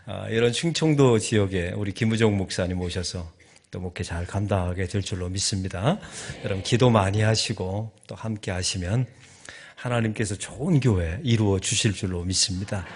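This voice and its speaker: Man, Chungcheong Korean accent, guest preacher, joking storyteller, low-ish voice, church sermon. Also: normal speed, slight background noise. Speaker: guest pastor. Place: church sanctuary.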